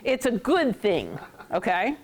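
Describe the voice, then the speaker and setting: A woman leads a classroom lesson in a playful way. Her voice sits at a middle pitch, and she laughs often and jokes with her students. She repeats words to drill them. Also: wildly swooping pitch, unhurried, crowd noise. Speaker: Hebrew teacher.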